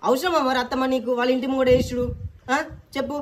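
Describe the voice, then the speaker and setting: A woman's voice: high-pitched, fairly even intonation, fast, slight background noise. A woman, acting a daughter-in-law in a village comedy sketch, scolding and whiny and repeating herself. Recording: echoey room, mic far off, faint music.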